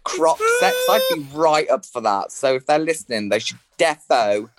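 A British man chats casually and comically, full of slang and swearing. His voice sits at a middle pitch with a cheeky manner. The sound is dry, with no room echo. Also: moderate pace. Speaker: drag performer, interview guest. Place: at home.

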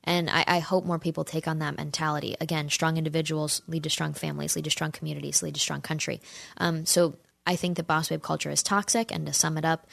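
Low, gravelly young woman arguing earnestly. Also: flat delivery, quick pace, a bit bright, no echo. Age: 20s. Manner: earnest, persuasive, addresses viewers directly. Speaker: commentator answering audience questions. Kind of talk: opinion talk to camera.

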